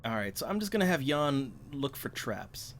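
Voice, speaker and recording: A man's voice: mid-range voice, very animated, normal speed, noisy background. A man hosting a let's play, thinking aloud playfully as he plays. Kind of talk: gameplay commentary. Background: game music.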